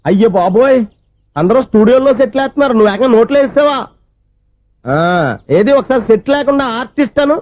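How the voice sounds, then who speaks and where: An actor playing a teasing, wisecracking film director who mocks a newcomer with jokes. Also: male voice, very high voice, fast talker, dry recording, highs cut off. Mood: mocking. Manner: mocking, joking.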